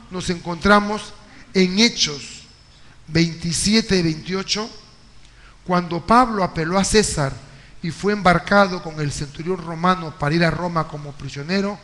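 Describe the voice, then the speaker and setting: Male pastor with a high voice, preaching in a lively storytelling way, recorded live in a hall with long reverb. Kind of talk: sermon. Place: church hall.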